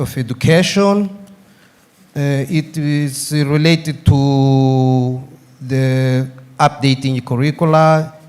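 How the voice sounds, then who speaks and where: A man's voice: medium pitch, darkish tone. A man with a Mozambican accent gives a short formal speech as a university representative at a congress.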